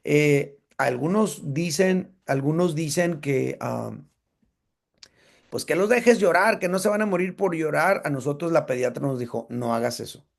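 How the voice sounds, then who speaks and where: Male Bible class teacher, fairly high, gravelly, casual and conversational. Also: lively intonation, a little slow. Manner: conversational, checks in with listeners.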